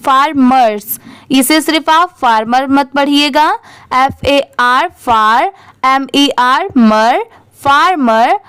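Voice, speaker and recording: High-voiced woman teaching slow spelling. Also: fairly bright tone, no echo. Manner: spells words letter by letter, then blends them slowly. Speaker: English reading teacher. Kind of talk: slow spelled-out reading lesson.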